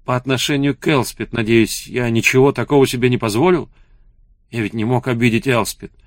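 A man voicing a hungover, ashamed young man who croaks hoarsely in a weak, pained voice. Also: medium pitch, fairly even intonation, brisk, dry recording, studio quality, natural voice.

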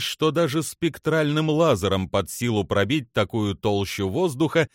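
A man reading a science fiction audiobook in an expressive, animated narration. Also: mid-range voice, dry recording, studio quality. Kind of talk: scripted narration.

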